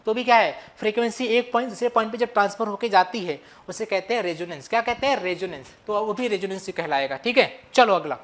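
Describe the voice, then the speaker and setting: A man's voice: high-pitched, fast talker, hardly any pauses, fairly bright tone. A young man giving a playful physics revision lecture, often asking his students questions and answering them himself. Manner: playful, calls students buddy and kids. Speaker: physics teacher.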